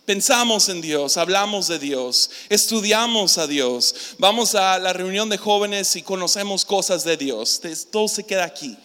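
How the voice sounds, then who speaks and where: A man's voice: high-pitched, measured pace, few pauses. A man giving a casual, jokey youth sermon, talking directly with the audience. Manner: lively, jokey, interacts with the audience. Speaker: youth pastor. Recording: hall reverb.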